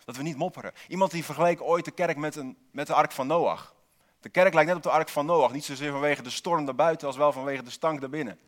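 A man's voice: fairly high pitch, fast talker. A man preaching a sermon in a church, posing rhetorical questions and repeating single key words for emphasis, with dry asides to the congregation.

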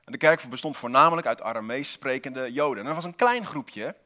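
A man's voice: mid-range voice, fairly quick, bright, forceful tone. A man preaching a sermon in a church, posing rhetorical questions and repeating single key words for emphasis, with dry asides to the congregation.

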